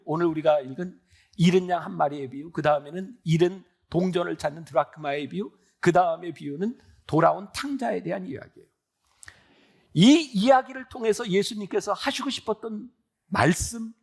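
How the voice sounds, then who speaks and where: A man's voice: high voice, normal speed, vocal fry, slightly rough. A pastor in his sixties preaching a sermon in an earnest, conversational way, often asking the congregation questions. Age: 60s.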